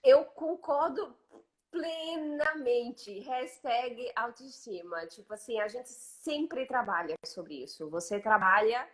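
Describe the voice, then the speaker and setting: A woman's voice: fairly high pitch, slow pace, fairly bright tone. A Brazilian woman hosting a casual live chat, talking emphatically and eagerly repeating her agreement. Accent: Brazilian Portuguese. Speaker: host.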